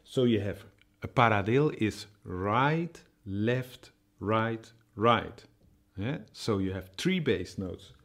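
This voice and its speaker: Slow-talking man teaching cajon. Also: fairly low pitch, lively intonation, fairly bright tone. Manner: slow, patient, with many "uh" fillers and spoken drum sounds. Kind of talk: music tutorial.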